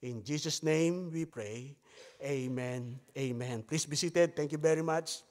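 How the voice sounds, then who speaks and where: Speaking Tagalog natively and with a Filipino accent, this missionary pastor from the Philippines gives a sermon in a church sanctuary, halting often as he reads scripture and growing softer and hushed when praying. His voice is a little high, picked up by a pulpit microphone amid long church hall reverb.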